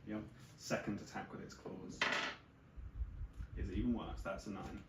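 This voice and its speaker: A man with a low voice narrates as dungeon master, sketching the action in loose, filler-filled sentences. He sits back from the mic in an echoing room, with clear noise behind him. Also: little pitch movement, measured pace. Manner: descriptive, filler-heavy narration. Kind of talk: narrating a tabletop game. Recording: roomy, distant mic with noise.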